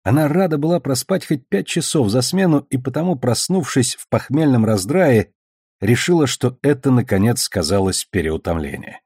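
Husky male audiobook narrator. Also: medium pitch, animated, moderate pace, darkish tone, dry recording, clean studio sound.

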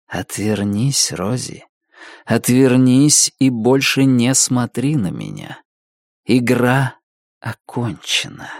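A man voicing an eerie, commanding otherworldly woman from a painting, restrained and measured, turning shrill and inhuman. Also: very animated, vocal fry, dry recording, clean studio sound, exaggerated voice. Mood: hushed command.

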